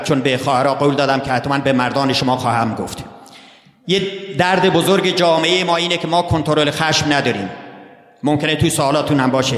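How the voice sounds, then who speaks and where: A man's voice: medium pitch, fairly bright tone. A man giving a sermon who answers his own rhetorical questions and calls his listeners brothers and sisters. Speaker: religious speaker. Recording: echoey hall with long reverb.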